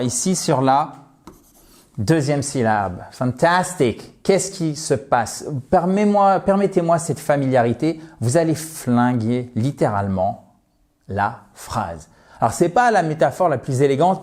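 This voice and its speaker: A lively man gives an English lesson live online, speaking into his own microphone. He jokes with his viewers and keeps the tone playful. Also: a little high. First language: French. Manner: lively, playful, addresses viewers as dear friends. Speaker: English teacher. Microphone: personal microphone.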